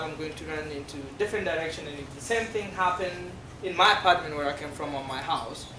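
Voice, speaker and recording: South Sudanese man speaking to a class. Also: fairly high pitch. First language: Dinka. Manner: halting, explanatory, many fillers. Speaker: guest speaker. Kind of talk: classroom presentation. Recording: echoey room from far off, noisy.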